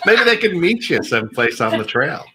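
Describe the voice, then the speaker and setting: A man's voice: fairly high pitch, big pitch swings, moderate pace, noisy background. A man in his fifties co-hosting a casual chat show, rambling and joking with lots of fillers. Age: 50s. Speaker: co-host.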